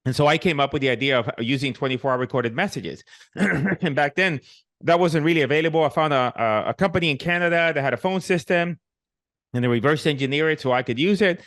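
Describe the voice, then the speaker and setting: Here the same kind of guest, a middle-aged real estate investor from Puerto Rico with a Puerto Rican Spanish accent, talks fast in a fairly bright, somewhat high voice. He jokes through his story in a casual interview, full of fillers and restarts, and the clean studio recording is dry.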